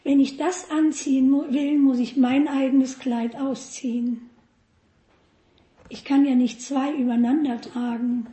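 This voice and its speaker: Woman preacher, high mellow voice, slow delivery, questions to the congregation. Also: fairly even intonation, roomy sound. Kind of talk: sermon.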